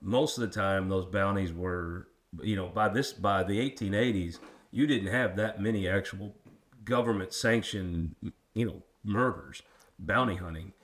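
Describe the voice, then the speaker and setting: A lower-pitched man with a rural drawl hosts a history chat. He is folksy and quick to poke fun at himself, talking casually as he asks questions. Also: a bit bright. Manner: folksy, self-deprecating. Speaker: interviewer and host. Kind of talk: casual local history interview.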